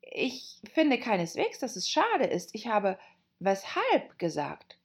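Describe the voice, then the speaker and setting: A woman's voice: medium pitch, wildly swooping pitch, slow pace, pitched above the performer's own voice, full character voice. A woman voicing a plucky, outspoken young girl in an audiobook, speaking firmly and frankly. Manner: firm and frank.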